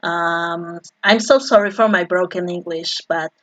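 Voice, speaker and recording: A woman's voice: fairly low pitch, steady tone, measured pace, fairly bright tone. A woman from Peru with a Peruvian Spanish accent, a native Spanish speaker, chatting casually and rambling as she thanks viewers during a live stream of her painting in her home studio.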